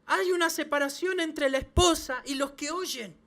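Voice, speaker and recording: High-voiced man preaching emphatically. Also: normal speed, fairly bright tone. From Chile. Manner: emphatic preaching with repeated phrases and restarts. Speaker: pastor. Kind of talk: sermon. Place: church service.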